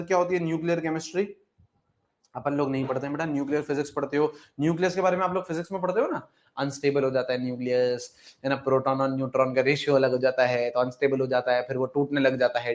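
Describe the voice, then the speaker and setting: A man teaching a chemistry exam-prep lecture in a repetitive, coaxing way, often calling his students "beta" and voicing their questions himself. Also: a little high.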